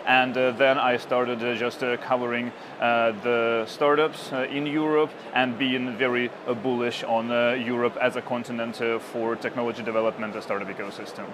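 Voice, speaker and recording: A man's voice: mid-range voice, little pitch movement, normal speed, hardly any pauses, background noise. A man from Ukraine, a tech journalist in his thirties, answering interview questions with lots of fillers and restarts. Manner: hesitant, many fillers and restarts. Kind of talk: conference interview.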